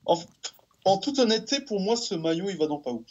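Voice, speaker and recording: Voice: medium pitch, big pitch swings, brisk, darkish tone, dull audio. A guest on a live stream, talking casually in a laid-back, easygoing way.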